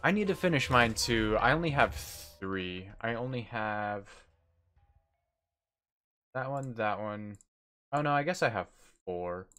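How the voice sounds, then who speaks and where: Young American male streamer, mid-pitched, casual live chat during play, faint music behind. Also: animated, unhurried, pauses often, pushed and bright. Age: young adult. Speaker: game streamer. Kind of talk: casual chat while playing, replying to viewers. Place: indoor room at a desk. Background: faint game music.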